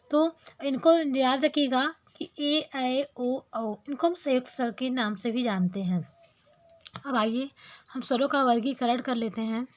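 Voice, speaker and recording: A woman, teaching a grammar lesson patiently, repeating terms and drawing out vowel sounds as examples. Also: sits high. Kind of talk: explanatory lesson.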